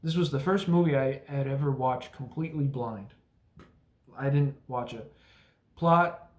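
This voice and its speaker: A man's voice: medium pitch, darkish tone. Rambling young man with a roomy echo. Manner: rambling, frequent fillers and restarts, blunt profanity. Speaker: movie reviewer. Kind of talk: casual spoken review.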